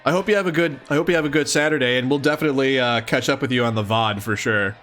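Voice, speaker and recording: A streamer reads a comic aloud in a casual live read-along, his mid-range, fairly bright voice moving fast. He reads expressively and throws in mock-incredulous asides, with faint music in the background.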